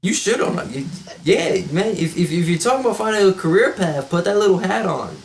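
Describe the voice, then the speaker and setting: A man's voice: high-pitched, animated, brisk, creaky, a little hiss or hum. A man hosting a casual podcast chat over a voice call, blunt and wisecracking as he runs the show. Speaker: podcast host. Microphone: voice call microphone.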